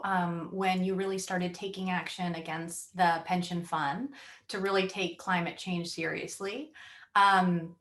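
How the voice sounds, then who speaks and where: Moderator: woman with mid-pitched voice, upbeat, leads the panel. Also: a bit bright. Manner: upbeat, introduces speakers. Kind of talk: online panel discussion.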